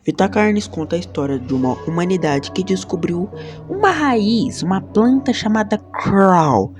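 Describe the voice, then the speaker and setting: Soft background music sits under this sing-song, unhurried, mid-range voice. Hosting a video essay, the Brazilian Portuguese speaker gives enthusiastic, scripted commentary that is dramatic and emphatic, with many rhetorical questions.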